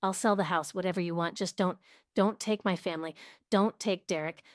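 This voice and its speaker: Woman narrator doing a desperate stepmother: tearful, begging, low voice, dry read. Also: steady tone, a little fast, no room sound, lightly acted. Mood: pleading, tearful. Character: pleading middle-aged stepmother, desperate and broken.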